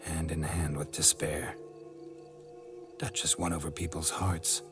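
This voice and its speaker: An actor playing a weary, gruff male monster hunter, who talks in terse, clipped, muttered lines in video game dialogue. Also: rumbling low, level tone, unhurried. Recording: game audio with music underneath.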